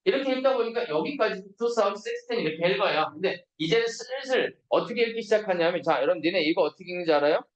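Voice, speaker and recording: High-voiced male teacher, roomy classroom. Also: animated, highs cut off. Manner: asks students constant check questions; reads English examples slowly and deliberately. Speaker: English teacher. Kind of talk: classroom grammar lesson. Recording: roomy, distant classroom recording.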